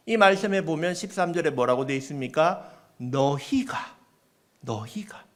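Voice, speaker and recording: A male pastor preaching a sermon, explaining step by step with rhetorical questions and acting out quoted voices. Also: sits high.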